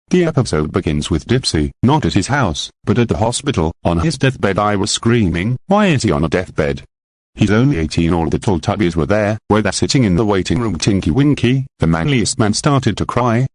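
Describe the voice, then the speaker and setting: A young man reading a horror creepypasta aloud, halting and stumbling over the words. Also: sits low, no echo. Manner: halting, stumbling read with slips and repeats. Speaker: creepypasta narrator. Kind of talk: amateur horror story reading.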